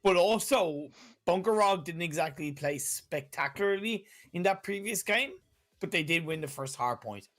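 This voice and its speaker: An Irish man casting a live esports match, his voice at an ordinary mid pitch. He talks in an easygoing, self-deprecating way, often restarting his sentences as he thinks aloud. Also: animated, moderate pace, fairly bright tone. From Ireland. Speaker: esports caster. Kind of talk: live esports color commentary.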